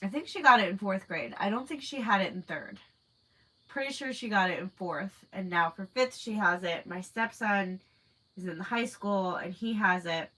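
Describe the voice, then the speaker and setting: A woman in her thirties, stuffy-nosed from a cold, hosts a livestream and chats casually with viewers, rambling with plenty of fillers. Her voice is mid-range and animated with a sharp tone, moving at a moderate pace. The recording quality is low.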